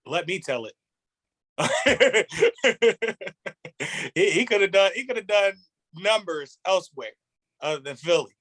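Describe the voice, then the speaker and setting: A man co-hosting a casual podcast, talking in a relaxed, slangy way and telling stories. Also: on the high side. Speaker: podcast co-host. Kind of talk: casual comedic chat.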